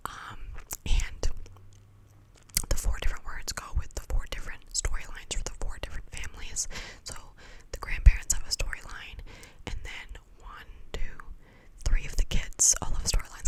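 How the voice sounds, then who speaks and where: A woman doing a fast whispered ASMR ramble in a breathy, clicky whisper, casual and slangy, wandering from thought to thought. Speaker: ASMR video creator.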